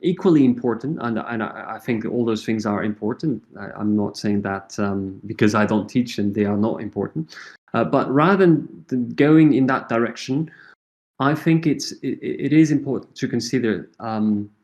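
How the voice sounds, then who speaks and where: A middle-aged man with a Portuguese accent, a native speaker of Portuguese and an associate professor, works through interview questions as a guest thoughtfully, often using fillers and restarting. His darkish, medium-pitched voice moves at normal speed, and the audio sounds dull.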